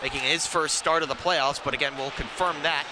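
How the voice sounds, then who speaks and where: A man's voice: fairly high pitch, fairly even intonation, a little fast. A man giving live ice hockey commentary in clipped phrases that follow the play. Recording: noisy rink ambience around the mic.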